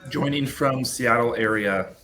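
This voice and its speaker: A man speaking casually as a guest on a video-call webinar, relaxed and self-deprecating, with frequent fillers. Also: mid-range voice, unhurried, a crowd in the background. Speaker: company co-founder and guest panelist.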